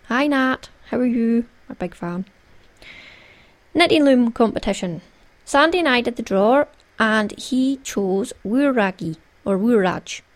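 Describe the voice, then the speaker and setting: A Scottish woman hosting a solo craft podcast in a playful, conversational, jokey way. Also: mid-range voice. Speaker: podcast host.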